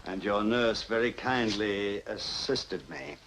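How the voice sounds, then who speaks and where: An actor playing a coolly menacing gentleman villain in a 1940s horror mystery, formal and mockingly polite, on a noisy old film soundtrack. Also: fairly low pitch, takes it slowly. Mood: smug menace.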